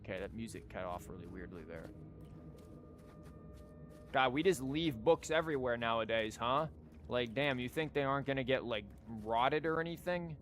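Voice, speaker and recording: Joking and cursing casually, a man comments live as he plays a video game, backed by game music. He has a mid-range, slightly bright voice with lively intonation at a moderate pace, and there's a little hiss or hum in the audio.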